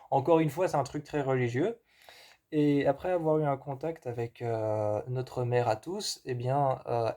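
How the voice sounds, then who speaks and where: Man, mid-pitched warm tone, stop-start casual film talk full of fillers. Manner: hesitant, many fillers and repeats. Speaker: film reviewer. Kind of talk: casual film review monologue.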